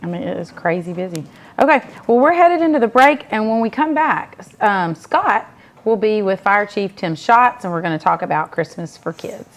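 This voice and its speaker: A woman hosting a local talk show, bubbly and quick to laugh. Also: medium pitch, animated. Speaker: host. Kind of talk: casual studio talk.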